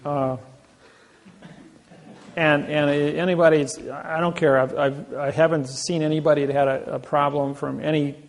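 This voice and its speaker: A man's voice: fairly high pitch, flat delivery, moderate pace. An older man giving a seminar talk, telling boastful stories with many restarts and false starts. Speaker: seminar speaker. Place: seminar room.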